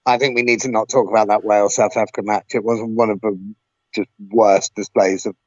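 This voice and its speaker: A man's voice: on the low side, flat delivery, fairly quick, no room sound. A man co-hosts a podcast in a casual, emphatic way and stumbles over his opening words. The sound is dry and a little dull. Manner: emphatic, stammers at starts. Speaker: podcast co-host. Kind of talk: casual chat.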